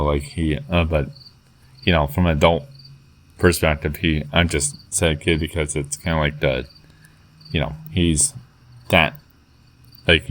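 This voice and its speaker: A man telling a personal story in a halting way, with many fillers and restarts, reading out old chat messages. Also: a bass voice, a bit bright, a little hiss or hum.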